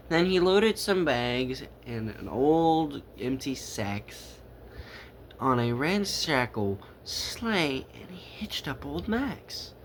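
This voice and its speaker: A man with a fairly high voice reads a rhyming children's story aloud theatrically, leaning hard into words. His emphasis is dramatic and drawn out, with repetition, and there's slight background noise.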